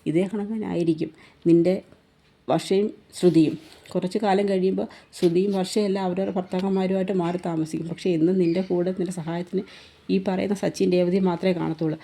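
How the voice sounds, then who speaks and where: വേഗത്തിൽ കഥ പറയുന്ന സ്ത്രീ. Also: female voice, lowish voice, fairly even intonation, creaky, mellow. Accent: Malayali. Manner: fast retelling that voices each character's lines in quotes. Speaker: serial story narrator. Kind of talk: retelling a TV serial episode.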